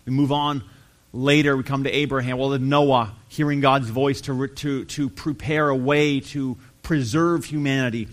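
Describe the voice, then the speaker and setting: A man preaching a sermon, earnest and emphatic, slowing down to stress key phrases. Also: medium pitch, fairly even intonation. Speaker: pastor.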